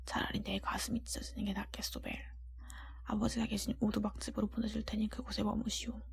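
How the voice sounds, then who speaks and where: A woman voicing a gentle, lovelorn male beast from a storybook in a hushed, breathy whisper, formal and tender. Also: medium pitch, level tone, a little fast. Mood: resigned, sorrowful.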